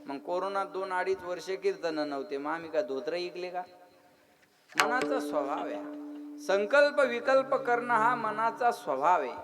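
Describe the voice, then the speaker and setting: A man giving a devotional kirtan sermon, quizzing and teasing his listeners and chanting verse lines slowly, with a live audience behind him. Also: sits high, very noisy. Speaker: kirtan preacher. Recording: live crowd audible behind.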